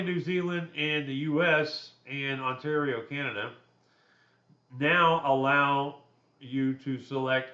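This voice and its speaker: An instructor with a deep, bright and forceful voice walks through a class chapter in a relaxed, conversational lecture, slipping in personal asides. The sound is a bit dull and muffled, with a noticeable roomy echo.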